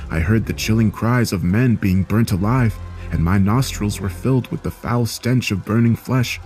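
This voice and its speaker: A man narrating a scripted horror story in a steady, grave manner. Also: lowish voice.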